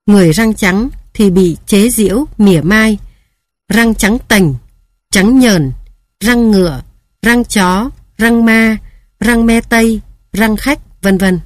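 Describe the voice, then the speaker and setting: A woman narrating a story in a calm, measured reading voice. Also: mid-range voice, dry recording, studio quality.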